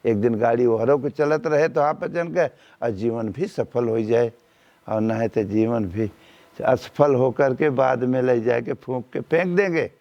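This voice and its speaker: A man's voice: medium pitch, unhurried. A man with an eastern Uttar Pradesh accent giving a devotional sermon as a spiritual teacher, preachy and full of rhetorical questions. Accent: eastern Uttar Pradesh Hindi. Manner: preachy, asks rhetorical questions, chants verses. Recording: dull lo-fi recording.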